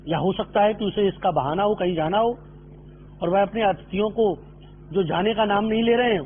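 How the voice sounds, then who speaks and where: A middle-aged man lectures on acting in a patient, explaining way, dropping English terms into his talk. His voice sits high for a man. The sound is narrow and phone-like, with a faint hum behind it. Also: normal speed. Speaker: drama lecturer. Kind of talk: spoken lecture. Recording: tinny phone-line audio with faint hum.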